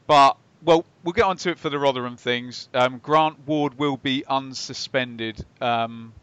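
A man's voice: medium pitch, a little slow, a bit bright, clear, resonant tone, no echo. Man, football podcast host, casual, jokey explainer, dry close sound, slightly lo-fi. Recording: slightly dull lo-fi microphone sound.

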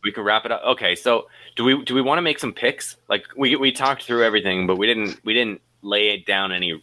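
A man hosting a casual sports podcast, animated and wry, freely critical as he talks. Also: on the low side, fairly quick, poor audio. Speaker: podcast host.

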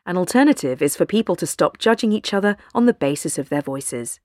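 Low-voiced woman reading a news essay. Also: expressive, brisk, darkish tone, no room sound, studio quality. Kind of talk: scripted narration.

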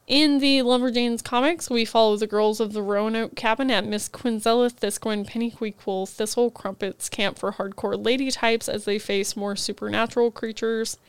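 A woman's voice: fairly high pitch, steady tone, normal speed, few pauses, clear, resonant tone, no room sound. A woman with a cold, co-hosting a book podcast and chatting casually about what she is reading. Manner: chatty, rambling book rundowns with frequent "like". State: has a cold, head foggy.

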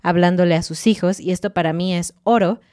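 A woman talks through ideas in an easygoing podcast chat. Her voice sits slightly low and sounds smooth and clear, and she explains patiently with a touch of humor. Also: a little fast, darkish tone. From Mexico. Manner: clear, explanatory, lightly joking. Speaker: podcast co-host and Spanish teacher. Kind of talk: casual educational podcast chat.

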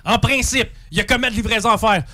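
Un homme à l'accent québécois, à la voix haute, raconte une anecdote comique entre amis sur un ton de coup de gueule, en sacrant beaucoup et en jouant lui-même les deux côtés du dialogue. Le son est sec, très proche du micro, sans écho de la pièce. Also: male voice, high voice, fast, no room sound. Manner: animated ranting, heavy swearing, acts out both sides of a dialogue. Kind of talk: casual comic storytelling among friends.

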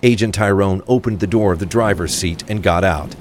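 Low-voiced and fairly quick, a man delivers scripted narration for a crime thriller audio drama. Rain and vehicle sounds come through in the background as faint rain and traffic ambience.

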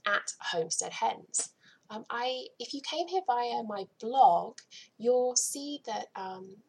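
A woman's voice: mid-range voice, vocal fry, sharp tone, a little hiss or hum, low-quality recording. A woman with a British accent hosting her own podcast, chatting in an enthusiastic, rambling way. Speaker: podcast host. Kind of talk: casual solo podcast.

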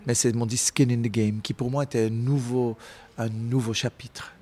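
A man in his forties, a singer being interviewed, telling stories casually with many restarts. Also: mid-range voice. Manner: halting, many restarts, animated storytelling.

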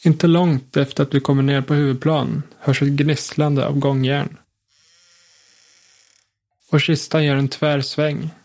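A man telling a suspenseful first-person story in a calm, measured way. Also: on the high side, gravelly.

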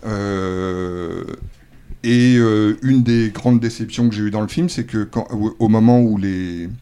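A man chatting casually about a film, full of fillers and restarts, excited about what he likes. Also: lowish voice, slow pace, smooth. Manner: hesitant, many fillers and restarts. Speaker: film critic. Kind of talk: casual chat.

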